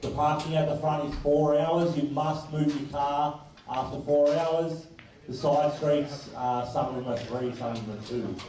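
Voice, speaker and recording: A man's voice: a little high, fairly even intonation, a little slow, mellow. A man making public announcements to players as a tournament director, in a matter-of-fact, office-paging manner. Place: large busy indoor hall. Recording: very echoey hall, distant, crowd chatter.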